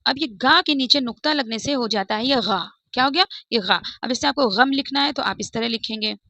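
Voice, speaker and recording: A woman teaching a Hindi pronunciation lesson, explaining slowly, repeating example words and asking and answering her own questions. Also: high-pitched, sharp tone, dry recording, muffled recording.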